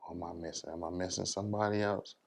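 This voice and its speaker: Deep-voiced and steady, this American interview guest from New York City talks at a quick pace. He stays casual and colloquial, sprinkling his talk with conversational check-ins such as "you know what I'm saying".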